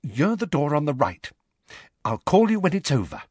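A man reading a storybook aloud, voicing a bustling, motherly middle-aged witch who talks in urgent hushed whispers. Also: on the high side, sing-song, moderate pace, husky, no echo, clean studio sound, pitched above the performer's own voice.

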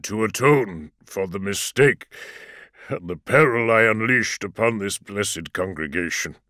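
A male narrator voicing a humble convert leader who speaks slowly and earnestly. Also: lowish voice, sharp tone, no echo, clean studio sound. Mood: penitent.

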